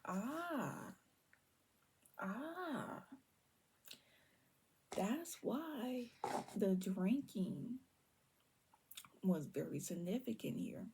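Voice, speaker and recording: A young woman giving a casual tarot reading to viewers, keeping her voice down and slipping between low talk and soft whispers. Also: animated, drawn-out words, long pauses, a little hiss or hum. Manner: holds her voice down on purpose. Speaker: tarot reader.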